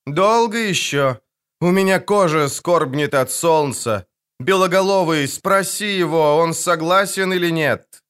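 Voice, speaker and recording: A man putting on a shrill sing-song siren girl. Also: lively intonation, measured pace, fairly bright tone. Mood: indignant. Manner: sing-song, whining, indignant. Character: vain, shrill young female siren. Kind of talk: audiobook character voice.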